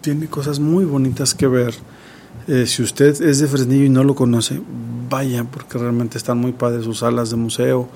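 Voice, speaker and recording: A man's voice: medium pitch, little pitch movement, moderate pace, mellow, slight background noise. A man co-hosting a casual radio chat, speaking straight to listeners. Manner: addresses listeners directly.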